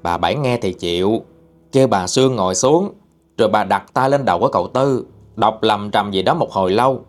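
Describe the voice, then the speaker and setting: A man's voice: on the low side, fairly quick, faint music behind. A man with a Southern Vietnamese accent narrating a ghost story in a plain, conversational way.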